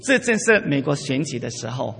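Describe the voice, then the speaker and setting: A man preaching a sermon into a pulpit microphone in a large church hall, speaking in short phrases and pausing so an interpreter can follow. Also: mid-range voice, very animated, creaky, a bit bright, husky. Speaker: pastor preaching. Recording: long hall reverb.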